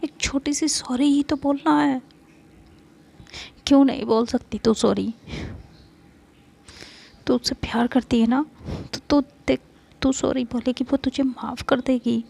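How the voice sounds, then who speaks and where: A woman's voice: sits high, fairly even intonation, measured pace, gravelly, pauses often, darkish tone, husky, exaggerated voice. A woman voicing a young female friend who scolds and coaxes her friend in a spoken Hindi story. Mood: scolding.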